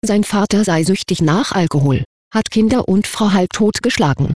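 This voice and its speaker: A reader giving a scripted first-person narration of a confession in an even, matter-of-fact way. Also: medium pitch, normal speed, no echo, studio quality.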